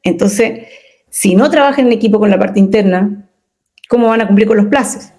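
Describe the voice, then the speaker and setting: A woman speaking as a communication consultant in an interview, expressive and emphatic, often asking rhetorical questions. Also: mid-range voice, normal speed. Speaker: communication consultant and workshop leader. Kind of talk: interview conversation.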